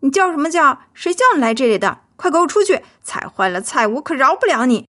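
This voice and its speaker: A woman's voice: high voice, sing-song, a little fast, fairly bright tone. A woman voicing a grumpy grown man who owns a vegetable garden in a children's audio story, snapping and scolding. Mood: irritated. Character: grumpy adult male garden owner.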